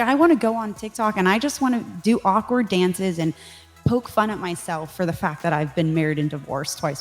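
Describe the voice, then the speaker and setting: Candid, laughing woman in her thirties. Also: lowish voice. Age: 30s. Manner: candid, self-mocking, laughs often. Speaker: life coach guest. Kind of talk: casual podcast interview.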